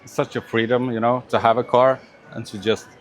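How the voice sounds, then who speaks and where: A man, a coaching client, talking casually and hesitantly in a quiet voice. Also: mid-range voice, little pitch movement, normal speed, slight background noise. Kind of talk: casual practice talk.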